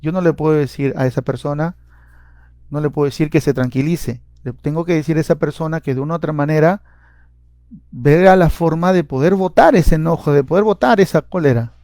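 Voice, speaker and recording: Man, psychology seminar lecture, mellow fairly high voice, dry sound. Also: a little fast, no room sound. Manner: explanatory, repeats words and fills with "eh". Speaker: clinical psychologist and seminar speaker.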